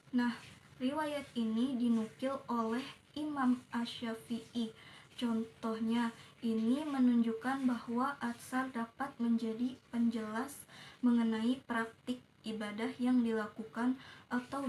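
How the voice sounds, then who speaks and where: A young woman university student giving a recorded class presentation in a slow, careful, recited manner. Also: a little high, darkish tone, echoey room, slight background noise, rough recording. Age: young adult.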